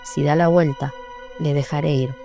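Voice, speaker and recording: A woman's voice: sits low, soft background music. A woman doing a cold vengeful man, hollow and lifeless. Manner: slow, flat and menacing. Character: cold, vengeful grieving man holding a gun.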